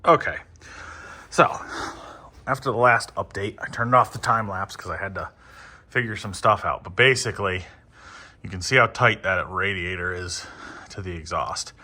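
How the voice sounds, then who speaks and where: Low-voiced man rambling in garage. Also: moderate pace. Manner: relaxed, rambling, many ums and uhs. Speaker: motorcycle vlogger. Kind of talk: casual how-to narration.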